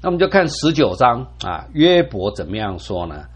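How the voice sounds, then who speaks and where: Husky-voiced male preacher, lively pitch. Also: normal speed. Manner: storytelling, with emphatic particles at phrase ends. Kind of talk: expository Bible teaching. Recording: dull lo-fi recording.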